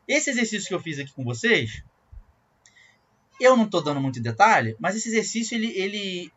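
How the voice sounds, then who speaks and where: Bright, lively Brazilian music teacher. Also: male voice, high voice, a little fast. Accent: Brazilian Portuguese. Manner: explains patiently, checks in with frequent tag questions; chants syllables in rhythm while demonstrating. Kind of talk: recorded music lesson. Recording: dull lo-fi audio.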